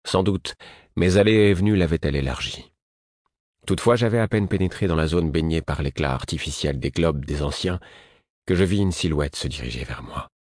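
A man narrating a first-person audiobook in a measured, somber way. His voice is very deep with a husky grain, recorded dry and close. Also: a little mellow, dry recording.

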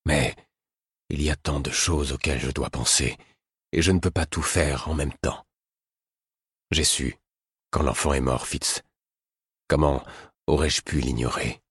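A man voicing a weary, grave aging king who speaks low and tired. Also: slow pace, vocal fry, long pauses, pushed and bright, husky, no room sound, clean studio sound, heavily acted.

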